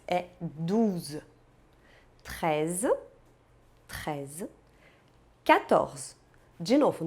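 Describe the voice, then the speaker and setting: Brazilian female language teacher, playful, unhurried drilling, mid-pitched voice. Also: warm tone. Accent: Brazilian Portuguese. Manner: upbeat, playful, slow deliberate drilling. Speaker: French teacher. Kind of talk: online language lesson.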